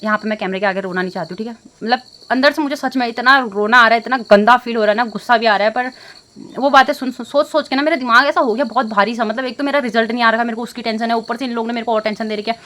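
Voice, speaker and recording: A woman's voice: a little high, fairly even intonation, very fast, bright, forceful tone. A young woman vlogger talking to her phone camera in a casual, upset way, rambling with many fillers and restarts. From India. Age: young adult. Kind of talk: casual emotional vlog talk to camera.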